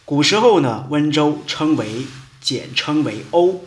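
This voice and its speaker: A man teaching a memory lesson, chanting short mnemonic verses slowly and deliberately. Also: a little high, expressive. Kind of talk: educational lesson with mnemonic rhymes. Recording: echoey room.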